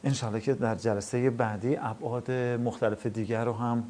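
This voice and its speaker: A man hosting a talk program, speaking in a measured devotional way with hesitation fillers and reciting verse. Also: mid-range voice, fairly even intonation, warm tone, a little hiss or hum. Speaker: host. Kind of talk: program host closing remarks.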